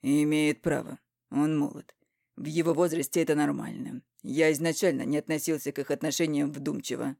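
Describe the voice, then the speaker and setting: A woman reading an audiobook voices a blunt, stubborn middle-aged husband with loud, curt retorts. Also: low-pitched, fairly even intonation, moderate pace, gravelly, dry recording, clean studio sound, pitched below the performer's own voice. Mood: gruff. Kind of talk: audiobook character voicing.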